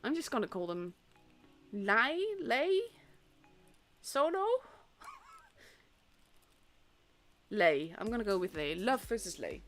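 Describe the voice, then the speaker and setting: A young Dutch-accented woman, native to the Netherlands and a Dutch speaker, streams herself casting a tournament. Her medium-pitched voice is very animated and a bit bright, yet she takes it slowly and pauses often, rambling casually with fillers and restarts. Faint stream music plays underneath.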